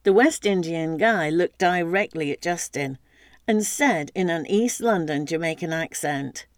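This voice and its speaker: A woman with a lowish voice reads a story aloud in a steady narrating manner. Her intonation rises and falls a lot. The recording is dry and close, with no room sound. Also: unhurried, dry recording.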